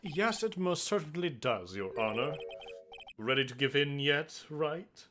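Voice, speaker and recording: A haughty young prosecutor, played by a man, mocking her opponent in a fan read of a game. The voice sits a little high, with a noisy background. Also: lively intonation, measured pace. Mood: smug. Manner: taunting, smug. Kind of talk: amateur voice-over of a game.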